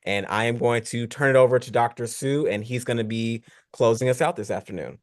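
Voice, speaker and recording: A young man with a mid-pitched voice moderates a video-call panel. He speaks casually and gratefully, with small stumbles and fillers. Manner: grateful, casual, a little halting. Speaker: panel moderator, former patient.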